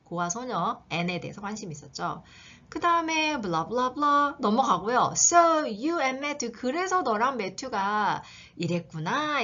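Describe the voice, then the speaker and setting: A woman's voice: mid-range voice, sharp tone, dull audio. A woman teaching an English reading lesson, asking questions and answering them herself.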